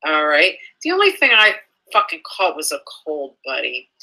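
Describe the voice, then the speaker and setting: A young woman with a low voice reads online comments aloud and fires back in an indignant, sarcastic, profane rant, her pitch swinging hugely and her tone sharp. She stumbles and restarts often, and the recording is rough. It's casual ranting commentary.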